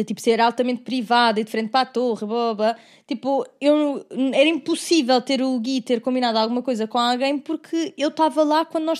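Young female, high voice, rapid delivery, animated casual podcast storyteller. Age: young adult. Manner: animated, slangy, acting out quoted remarks. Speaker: podcast co-host.

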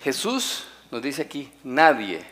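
A man preaching a sermon, emphatic, slowing down and repeating key phrases and asking the congregation rhetorical questions. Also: medium pitch, huge pitch swings, a bit bright. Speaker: pastor.

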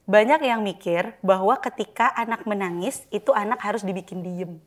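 A woman guest on a podcast who explains parenting advice at length in a lively, casual way. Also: mid-range voice, moderate pace. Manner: explains at length, lively, acts out calm soft-spoken examples.

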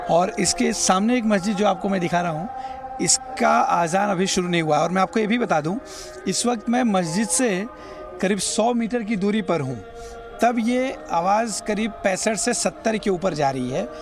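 Over music, a man with a high-pitched voice reports the news at a moderate pace from the city streets. As a TV field reporter, he speaks straight to viewers, explaining and pointing things out amid noisy traffic outdoors.

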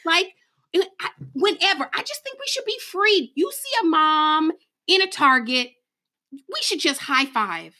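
A young woman with a high, bright voice hosts a casual chat. She is animated, swings her pitch widely and laughs often. She keeps calling her listeners girl and honey. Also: measured pace. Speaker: podcast co-host.

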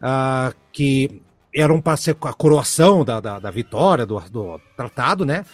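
A man's voice: medium pitch, a little slow, dry recording. A man co-hosting a casual podcast chat, telling a story in a rambling way with many fillers. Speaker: podcast host.

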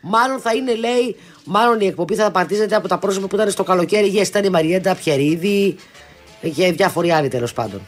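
A woman's voice: medium pitch, faint music behind. A woman co-hosting a casual celebrity gossip show, blunt and teasing, often trailing off and restarting.

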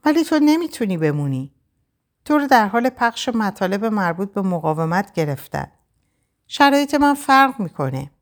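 A woman reading a frightened but stubborn young woman in an audiobook, pitched clearly higher than the narration. The voice is anxious and insistent, moving widely in pitch. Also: very animated, close to an everyday voice.

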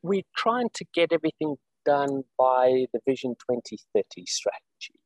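A man from South Africa, an executive director, explains his work in an interview over a video call, talking in a measured way with many fillers and restarts. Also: mid-range voice, sing-song, rough recording. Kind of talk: interview conversation. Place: Saudi Arabia, remote call.

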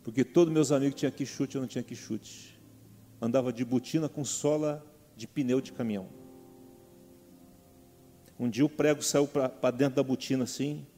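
A man's voice: mid-range voice, steady tone, normal speed, long pauses, warm tone. A middle-aged man with a Brazilian Portuguese accent preaching a sermon as pastor, calling out to the congregation with repeated questions. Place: church hall. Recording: long hall reverb with faint music.

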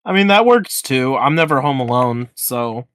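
A man's voice: medium pitch, lively intonation, moderate pace, fairly bright tone, clean tone, no echo. A man co-hosting a podcast in casual chat, tossing out offhand suggestions. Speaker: podcast co-host.

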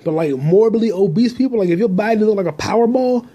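Brief: male podcast host, mellow husky tone, crude rambling talk into a handheld phone. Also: high voice, animated, fast, muffled recording. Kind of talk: casual solo monologue. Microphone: phone held in hand.

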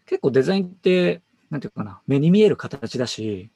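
Gravelly, lively-voiced man chatting casually. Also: medium pitch, brisk, no room sound. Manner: relaxed, thinks aloud with fillers and self-corrections. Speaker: designer. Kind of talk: casual work conversation.

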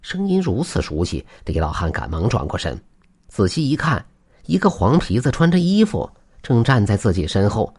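A man tells a folk tale aloud, animated and expressive. His voice sits low and husky, with lively swings in pitch. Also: moderate pace. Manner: animated storyteller narration.

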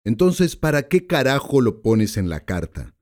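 A man's voice: mid-range voice, sing-song, measured pace, darkish tone, voice pushed up. A man voicing a rude, impatient male hitman who makes crude, brusque demands in an audiobook. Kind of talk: audiobook character voice.

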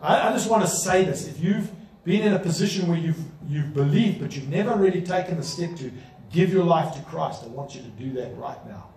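A man's voice: on the high side, expressive, fairly quick, hardly any pauses, darkish tone, slight background noise. A man preaching a sermon as pastor, driving his points home with emphatic rhetorical questions. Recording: echoey room, voice from a distance.

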